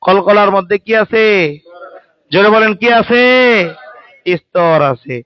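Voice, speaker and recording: High-voiced male religious teacher, lo-fi dry recording, quizzes the class aloud with joking asides. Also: a little slow, no echo. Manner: calls on students to answer aloud. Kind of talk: Quran recitation lesson. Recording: dry, dull lo-fi sound.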